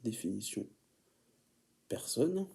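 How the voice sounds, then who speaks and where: A man's voice: mid-range voice, sing-song, takes it slowly, creaky, dark tone. A man preaching an informal teaching sermon, often stumbling and repeating words as he reads definitions aloud and calls his listeners beloved.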